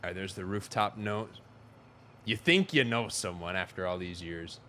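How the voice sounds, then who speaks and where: A man's voice: low-pitched, normal speed, bright, forceful tone, slight background noise. A young adult man from Wisconsin, chatting casually and rambling frankly to his viewers during a gaming livestream. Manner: rambling, frank, talks to chat.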